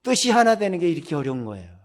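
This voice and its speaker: A man's voice: fairly high pitch, sing-song, rapid-fire. An older man, a retired pastor, preaching bluntly in a conversational way and firing off rhetorical questions. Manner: blunt, direct and scolding. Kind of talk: sermon.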